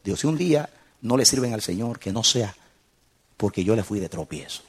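A man's voice: lowish voice, expressive, normal speed, husky. A middle-aged man preaching a sermon as a pastor, impassioned and building to emphatic peaks.

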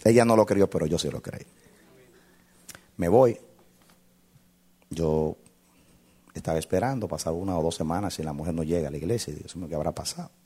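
A male pastor telling a testimony in a sermon, dramatic, swinging from loud to hushed. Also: deep voice, brisk, long pauses, breathy edge.

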